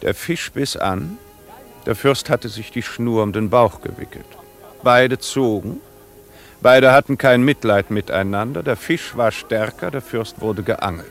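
A man acts out a sardonic duke in a vintage radio play, laconic and deadpan in his irony. His mid-pitched voice is heard over faint music. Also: a little slow, close to an everyday voice. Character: dry, sardonic aristocratic duke.

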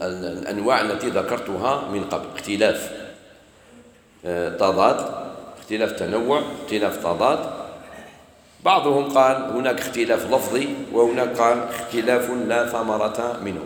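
A man's voice: mid-range voice, fairly bright tone. A man with an Algerian Arabic accent giving a religious lesson, explaining with questions he answers himself. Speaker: sheikh teaching Quran commentary. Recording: echoey hall, faint room noise.

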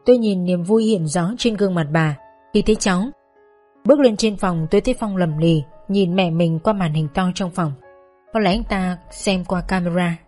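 A woman reading a first-person family story aloud in a calm, even storytelling voice. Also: fairly low pitch, normal speed, faint music behind.

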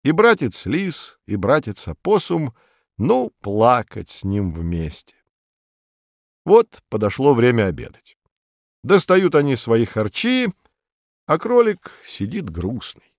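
A man reads a folk tale aloud in an expressive storytelling voice, his pitch swinging up and down through the scenes. The sound is close and dry, with a middle-pitched tone. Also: slow pace, no room sound.

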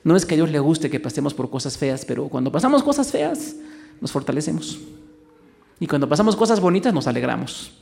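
A man's voice: a little high, big pitch swings, brisk, creaky, a little mellow. A man with a Mexican Spanish accent preaching a conversational sermon, full of rhetorical questions and acted-out quotes. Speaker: pastor.

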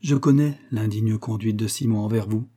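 A man's voice: lowish voice, normal speed, mellow, breathy edge. A man reading as an earnest old priest. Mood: pleading. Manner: earnest, pleading. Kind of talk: audiobook character reading.

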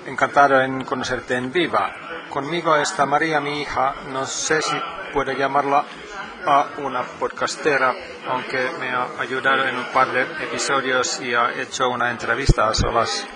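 Middle-aged finnish guy, finnish-native, interviewing in careful halting phrasing, busy crowd around. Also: mid-range voice, level tone. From Finland. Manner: careful, slightly broken phrasing. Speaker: podcast host, interviewer. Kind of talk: casual interview.

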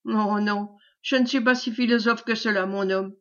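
A woman's voice: mid-range voice, fairly even intonation, normal speed, close to an everyday voice. A woman reading the part of a brash, greedy male knight who talks boisterously and commandingly, on a dull lo-fi recording.

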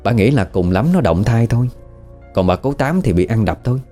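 Soft background music plays beneath a medium-pitched, dark-toned male voice that is expressive and fairly quick. The man, who has a Southern Vietnamese accent, narrates a horror story conversationally and often asks the listener things.

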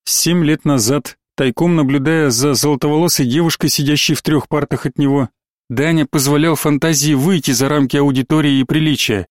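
A man narrating an audiobook story in a measured storytelling manner. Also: fairly high pitch, steady tone, no echo, clean studio sound. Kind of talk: scripted narration.

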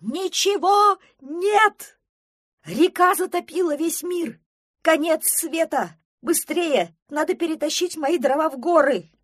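A woman voicing a panicky male woodland creature who yells in a breathless rush. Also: fairly high pitch, expressive, a little fast, hardly any pauses, breathy edge, no echo, studio quality, voice pushed up. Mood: panicked. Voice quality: yelling, breathless.

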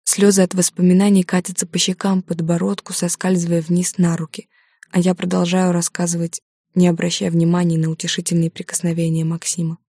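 A woman's voice: lowish voice, completely flat delivery, a little fast, dark tone, breathy edge, no room sound, studio quality. A young woman reading a first-person audiobook in an emotional, heavy-hearted way. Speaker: audiobook narrator.

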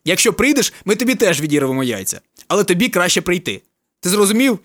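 A man voicing two frantic young male ad men who yell threats and swear down a phone line. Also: high voice, big pitch swings, fast, no echo, studio quality. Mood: furious yelling.

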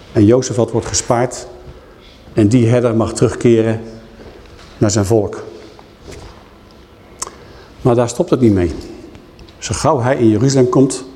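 A man's voice: mid-range voice, slow, pauses often, dark tone, slight background noise. A man preaching a sermon in a conversational way, often checking in with his listeners. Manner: conversational, frequent tag questions. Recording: long hall reverb.

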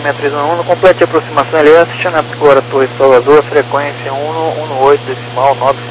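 A man's voice: a little high, steady tone, fast. A man working as an air traffic controller, giving clipped procedural instructions over two-way radio. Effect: two-way aviation radio. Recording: slightly noisy, humming radio transmission.

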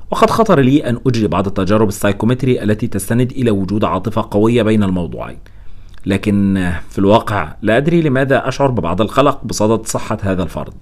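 A man reading the lines of an older, probing Russian professor in a narrated story, with measured, inquisitive speech. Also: on the low side, lively intonation. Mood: puzzled.

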